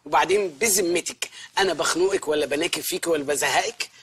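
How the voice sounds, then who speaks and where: An actor with an Egyptian accent playing a jobless, henpecked young husband who teases and pleads in rapid comic banter. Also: male voice, a little high, fairly bright tone, lightly acted. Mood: indignant. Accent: Egyptian Arabic. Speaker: film character. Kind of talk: comic film acting.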